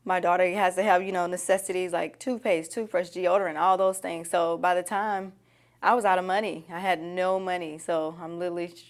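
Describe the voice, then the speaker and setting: A woman's voice: fairly low pitch, steady tone, a little fast. A woman giving candid, conversational answers as an interviewee. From Nashville, Tennessee.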